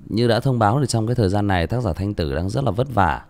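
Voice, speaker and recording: A man's voice: on the low side, expressive, quick pace, darkish tone. A male audiobook narrator, tired, reading a story and then chatting casually with many restarts.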